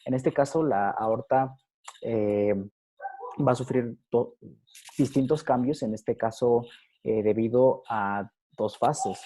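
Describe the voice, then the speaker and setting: Halting lecturer, mellow voice. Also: male voice, medium pitch, breathy edge. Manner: halting, many fillers and tag questions. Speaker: physiology lecturer. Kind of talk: recorded lecture over slides.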